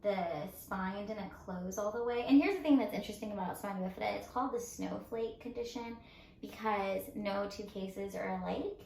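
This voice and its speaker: A woman's voice: mid-range voice, moderate pace, vocal fry, a little mellow, echoey room. A woman co-hosting a casual chat while doing makeup, giggling often. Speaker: co-host.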